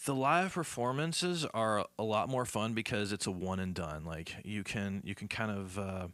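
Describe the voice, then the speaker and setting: A man's voice: fairly low pitch, normal speed, fairly bright tone, no room sound. A male musician from the southern United States, telling rambling stories with lots of fillers. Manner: rambling, many fillers, acts out voices. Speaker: musician guest. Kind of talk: casual storytelling.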